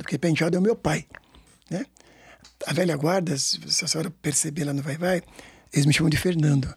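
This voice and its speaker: Husky gravelly older man from São Paulo. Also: on the high side. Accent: São Paulo Portuguese. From Brazil. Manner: rambling, repeats words, many tag questions. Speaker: samba school director and guest. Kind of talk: storytelling interview.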